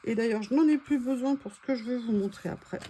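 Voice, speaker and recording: Gushing French woman, mellow voice. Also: a little high, fast, slightly rough. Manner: enthusiastic, gushing, repeats words. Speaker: haul vlogger. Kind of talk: casual haul chat, reading quotes aloud.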